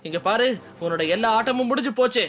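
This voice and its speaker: Someone doing a fast, bright, bossy cartoon hero. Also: mid-range voice, natural voice. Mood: scolding. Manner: bossy and quick. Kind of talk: dubbed cartoon voice acting. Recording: music bed under voice.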